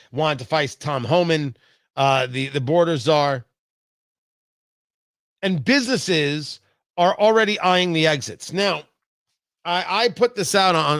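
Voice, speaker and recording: This man's fairly high, slightly bright voice comes through clean studio audio without echo. He's an American radio host from the New York and New Jersey area, giving a theatrical, emphatic political monologue full of opinions and repeated phrases for effect.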